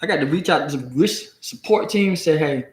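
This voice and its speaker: An American man with a deep Southern accent, reading and commenting casually on the news in a halting, folksy, colloquial way. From United States. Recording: echoey room.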